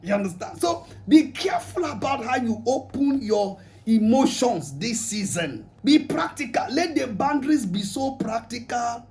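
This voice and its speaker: A man's voice: very high-pitched, sing-song, moderate pace, hardly any pauses, darkish tone, slight background noise. A man with a Nigerian accent giving a humorous relationship talk to an audience, slipping into pidgin and acting out little scenes. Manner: humorous, mixes pidgin, acts out quotes. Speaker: relationship speaker.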